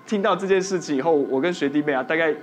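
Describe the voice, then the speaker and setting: A man with a Taiwanese Mandarin accent, a doctor guest on a TV talk show, telling a spooky hospital story in soft, trailing sentences. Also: on the high side, racing, over loud music.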